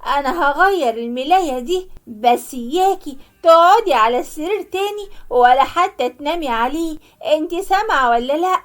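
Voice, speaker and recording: Woman doing bossy egyptian daughter yelling, high pitched, cartoon story. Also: lively intonation, moderate pace. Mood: scolding. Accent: Egyptian Arabic. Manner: loud, harsh and scolding. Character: sharp-tongued young married daughter, scolding.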